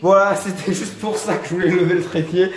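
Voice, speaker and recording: Young male vlogger, high-pitched, excitable, echoey room, TV music faintly behind. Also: brisk. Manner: excitable, thinks aloud with restarts. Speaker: vlogger reacting to a TV show. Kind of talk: casual reaction commentary. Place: room at home, filming on a tripod. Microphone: camera mic on tripod.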